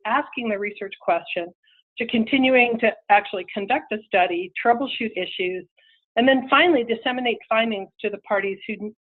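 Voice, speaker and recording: A woman lecturing over a crackly, tinny phone line that fades in and out. Her pitch sits mid-range, and she speaks in a measured way, pausing on ums and restarting phrases. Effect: crackly phone line, fading in and out. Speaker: invited presenter on a webinar. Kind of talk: webinar lecture.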